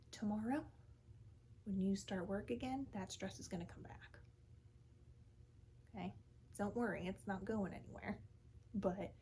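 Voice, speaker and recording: A woman speaks as a calm therapist in an ASMR role-play. Her delivery is slow and reassuring, often sinking into a breathy soft voice. The tone is mellow and soft, with some noise behind it. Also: mid-range voice. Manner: calm, soothing therapist manner; reassuring, gently coaching with short repeated phrases.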